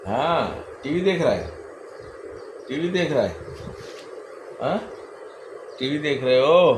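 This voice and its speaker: Slow, coaxing man in an echoey room. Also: on the high side, very animated, noisy background. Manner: coaxing pet birds with repeated calls and baby talk. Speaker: vlogger. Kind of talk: casual pet vlog, talking to viewers. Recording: echoey room with loud bird chatter. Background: birds calling.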